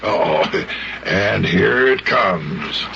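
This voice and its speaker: A salty old sea captain in a vintage children's radio serial. He is gravelly and hearty, with widely swinging, drawn-out nautical talk, on a noisy old recording. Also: sits low, animated, dull audio, exaggerated voice.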